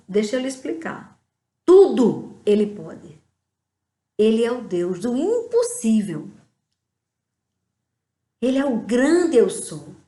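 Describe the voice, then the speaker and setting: A woman preaching a devotional sermon, acting out prayers and conversations in a softer, quieter voice. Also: a little high, roomy sound. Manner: acts out prayers and dialogues in softer quiet tones.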